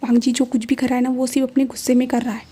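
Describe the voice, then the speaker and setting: Woman narrating a fanfic story, husky whispery voice, pretty monotone. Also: high-pitched, very fast. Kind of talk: narrating fan fiction, often whispered.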